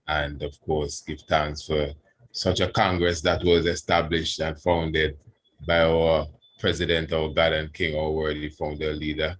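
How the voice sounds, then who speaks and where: A man giving a reverent religious address as a priest, in Rastafarian speech, halting and deliberate, repeating phrases for emphasis. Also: a bass voice, fairly bright tone.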